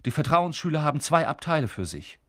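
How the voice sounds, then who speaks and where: A man's voice: fairly high pitch, sing-song, fast, a bit bright, no room sound, studio quality, pitched above the performer's own voice. A man voicing a self-important teenage prefect boy with a clipped manner.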